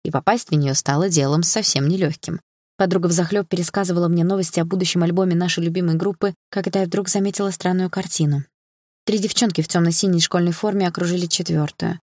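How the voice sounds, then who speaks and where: A woman narrating an audiobook in the first person, calm and steady. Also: fairly low pitch, fast, no room sound, studio quality.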